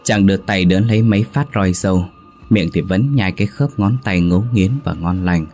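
A man's voice: low-pitched, normal speed, a little mellow, faint music behind. A man narrating a horror story in a dramatic, suspenseful manner.

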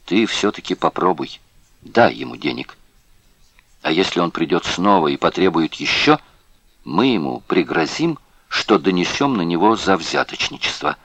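A tired male prisoner urges his comrade in a hushed tone, as a man reads him in an audiobook. His voice is deep and low. The sound is close and dry. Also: expressive, moderate pace, no room sound, heavily acted. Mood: urging. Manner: hushed, urging.

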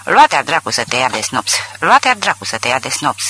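A man's voice: mid-range voice, big pitch swings, bright, forceful tone, slightly rough, exaggerated voice. A man voicing an angry male landowner who curses indignantly. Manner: swearing, indignant.

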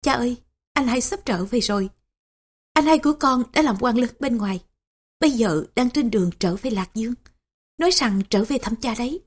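Quick-witted younger son, read by a woman, reassuring and explanatory, husky tone. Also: a little high, lively intonation. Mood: explaining.

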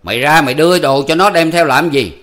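A man voicing a harsh, bullying village man who yells and scolds contemptuously in a spoken storybook reading. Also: fairly high pitch, quick pace, voice pushed up, natural voice. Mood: gruff.

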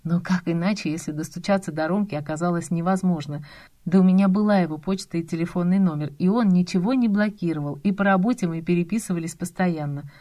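A young adult woman giving expressive, confiding first-person audiobook narration with a lightly sarcastic edge. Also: fairly low pitch, fast talker.

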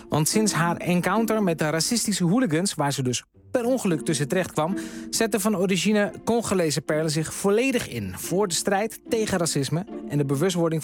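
Man narrating a radio report over music. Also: fairly high pitch. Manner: calm, measured read-out narration.

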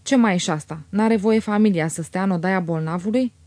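A woman reader voicing a greedy, bossy older woman who scolds in a sharp, shrill voice. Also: dry recording, close to an everyday voice. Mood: scornful.

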